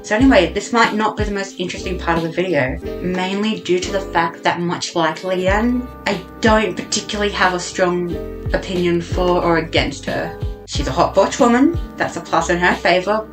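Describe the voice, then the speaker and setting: A woman with a slightly low voice talks through a video game in a loose, rambling commentary. Her delivery is sarcastic and full of jokes, like someone info-dumping to friends. Faint music sits underneath. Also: normal speed. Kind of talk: casual game commentary voice-over.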